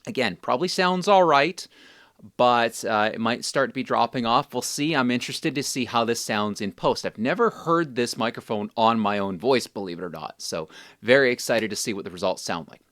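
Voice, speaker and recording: Man reviewing gear, very lively pitch. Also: moderate pace. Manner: explanatory, informal. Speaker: presenter testing microphones. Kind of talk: casual hands-on gear review talk. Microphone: test microphones at varying distances, clip-on and shotgun.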